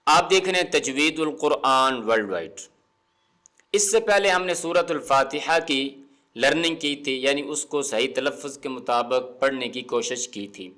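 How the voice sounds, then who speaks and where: A man teaching Quran pronunciation, explaining the rules patiently and words slowly to show how to say them. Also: on the high side, sharp tone. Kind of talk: explanatory lesson with slow recitation.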